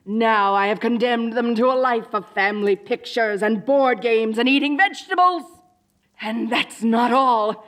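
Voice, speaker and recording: Gloating and gleeful, a woman voices a grand, theatrical evil sorceress queen in a comedy audio drama, a dorky villain who is secretly soft-hearted and awkwardly chatty. Her pitch is fairly high and her pace measured.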